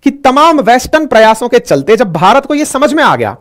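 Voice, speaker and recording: A man's voice: extremely high pitch, sing-song, a little fast. A young man teaching current affairs in a casual, talkative explainer style, addressing listeners as friends and mixing in English words.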